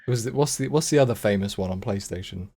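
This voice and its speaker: A man's voice: fairly low pitch, fast, dark tone. A young man, a podcast guest, chatting casually and a bit hesitantly about his past. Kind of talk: casual chat.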